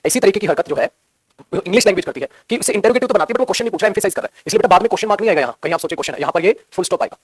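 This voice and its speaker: Male teacher, Hindi accent, rapid-fire lecture, high voice, husky, dry sound. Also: animated, dry recording. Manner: addresses students as beta, repeats key points. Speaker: English teacher. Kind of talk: live class lecture.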